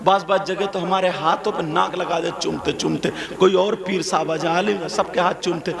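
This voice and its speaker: A male Islamic preacher telling a story in an impassioned sermon, dropping to hushed tones and rising to loud dramatic cries. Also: sits high, steady tone, moderate pace, gravelly, a crowd in the background.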